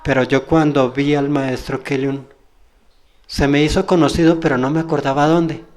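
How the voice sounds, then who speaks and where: A man's voice: on the high side, level tone, moderate pace, a little mellow. A man telling a personal spiritual story in a rambling, folksy way, correcting himself as he goes. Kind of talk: spoken personal testimony.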